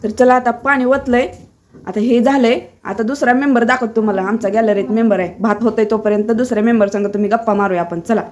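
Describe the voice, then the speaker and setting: A hoarse woman, chatting playfully to her viewers in a home cooking vlog from her kitchen. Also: on the high side, fairly even intonation, fast talker, a little hiss or hum.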